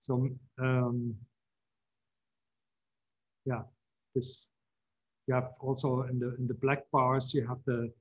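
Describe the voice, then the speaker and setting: A man giving a conference keynote on video call, halting and full of fillers and restarts. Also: medium pitch, completely flat delivery, dull audio. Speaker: keynote speaker, composer.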